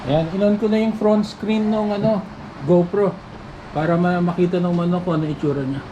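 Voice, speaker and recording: A joking Filipino man chats with friends at a meal for a vlog. His voice is high. Loud background noise runs under his words. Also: fairly even intonation, a little fast, highs cut off. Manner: joking, chatty. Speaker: vlog co-host. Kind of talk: casual chat over a meal.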